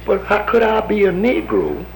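Speaking at a normal speed in a high-pitched, creaky voice, an army veteran in his fifties recounts his oral history. The American man is folksy, voices the people he quotes, and the audio is poor.

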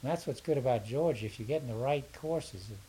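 A fast-talking older man with a medium-pitched voice, from the southern United States, is interviewed as an education consultant. His casual answers come out hesitant and rambling, often repeating words, on poor audio with a faint, steady hiss.

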